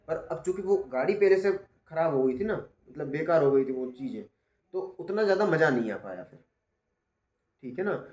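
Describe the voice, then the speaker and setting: A man with a fairly high, mellow voice speaks during a class session, giving patient feedback one step at a time and often checking that his points land. The room lends the audio an echo.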